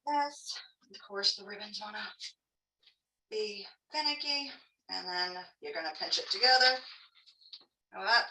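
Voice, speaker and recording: A woman teaching a craft class in a casual, chatty, encouraging way, demonstrating step by step, with soft r sounds that lean toward w. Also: mid-range voice, unhurried, pauses often. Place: indoor room, teaching an online class. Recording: echoey room, distant microphone.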